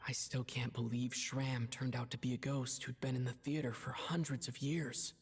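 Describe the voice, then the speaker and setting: A man voicing a friendly young video game character who speaks in a mild, matter-of-fact way, with a husky voice. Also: mid-range voice, flat delivery, moderate pace, no room sound.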